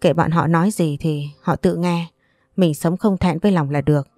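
A woman voicing a sharp-tongued but protective middle-aged aunt in an audio story. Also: deep voice, fairly even intonation, normal speed, no room sound, studio quality, soft background music. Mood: gentle. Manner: scolding, firm.

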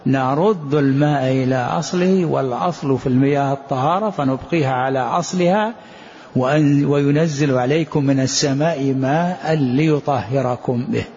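A man's voice: medium pitch, normal speed, darkish tone, husky. A man teaching a religious law lesson, explaining a text, addressing his listeners and asking questions that he answers himself. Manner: poses rhetorical questions and answers them. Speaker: Islamic jurisprudence teacher. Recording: dull lo-fi lesson recording.

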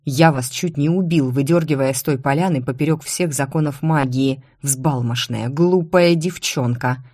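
A woman's voice: low-pitched, moderate pace, darkish tone, dry recording, clean studio sound. A woman voicing a stern, irritable male university rector, a mage who scolds in anger, read in an audiobook. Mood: angry. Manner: angry, scolding. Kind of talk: audiobook character reading.

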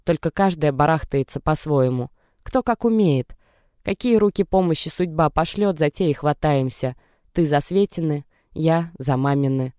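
A young woman on the edge of tears, bitter and defiant as she argues, as a narrator puts her on. The tone is mellow and smooth, read close and dry like a storybook recording. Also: medium pitch, normal speed, no echo, lightly acted. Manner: anguished, defiant, tearful. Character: young distressed pregnant woman. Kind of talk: audiobook character reading.

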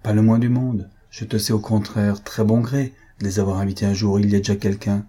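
A man reading aloud, voicing an elderly mother who chides her son in a husky, dark voice. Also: fairly low pitch, level tone, brisk. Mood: reproachful. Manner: wry, chiding. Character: elderly dowager mother, worried, reproachful.

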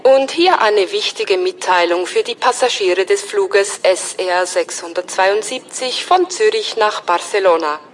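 A woman playing a polite airport announcer in a scripted language-exam recording, with clear, measured delivery. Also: medium pitch, slight background noise, lightly acted.

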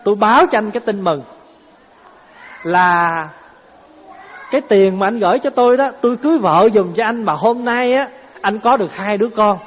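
A man's voice: sits high, normal speed, pauses often. A man playing a scheming male friend who coaxes and reassures while telling a story in a sermon. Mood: coaxing. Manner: coaxing, reassuring. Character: scheming male friend, smooth-talking swindler. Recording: dull echoey hall recording.

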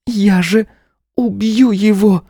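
A woman's voice: mid-range voice, fairly even intonation, takes it slowly, mellow, husky, dry recording, clean studio sound. A woman voicing a desperate young woman who pleads under interrogation. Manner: pleading, strained.

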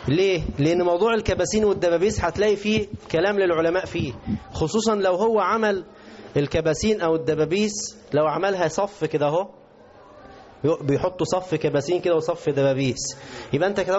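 In a dull, lo-fi recording, a man with an Egyptian Arabic accent gives a religious lesson at a quick pace, regularly asking the class questions. He has a high, slightly mellow voice.

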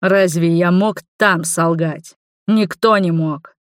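Woman narrator playing an insistent young male lover, low, deliberate, dry audiobook sound. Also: dry recording. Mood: insistent pleading. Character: passionate young man, a stubborn lover.

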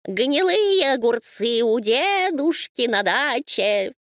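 Woman voicing a high, dreamy know-it-all sheep. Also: huge pitch swings, no room sound, studio quality, exaggerated voice. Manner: slow, dreamy, rambling pronouncements. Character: odd, know-it-all female stray sheep. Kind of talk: storybook reading.

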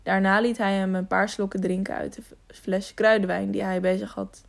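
Gravelly-voiced woman narrating an audiobook. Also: medium pitch, normal speed. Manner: steady reading with occasional self-corrections. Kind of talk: scripted narration of a children's adventure novel.

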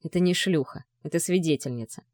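A woman's voice: fairly low pitch, brisk, a little mellow, no room sound, lightly acted. A guilty young man stammers and pleads in desperation, as a woman narrator puts him on. The audiobook is recorded dry and close. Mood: hesitant.

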